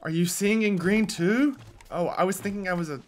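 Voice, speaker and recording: A man giving casual, jokey commentary on his own gameplay, often breaking into loud yells at opponents. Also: high voice, moderate pace. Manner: excitable, yells at opponents, jokey self-talk. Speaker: gaming video host.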